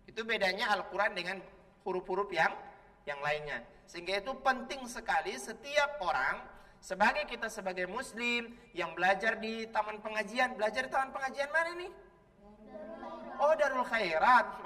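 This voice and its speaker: Bright-voiced man teaching children in an echoey studio. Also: sits high, distant mic. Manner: teacherly, prompting call-and-response, drawing out letter sounds. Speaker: children's TV Quran teacher and host. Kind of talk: children's Quran lesson. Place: television studio.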